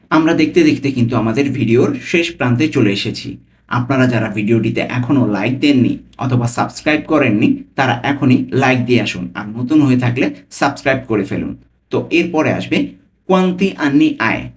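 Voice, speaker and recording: Man teaching Italian phrases slowly. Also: mid-range voice. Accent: Bangladeshi Bengali. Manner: breaks phrases into words and repeats them slowly. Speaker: language teacher. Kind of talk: language lesson.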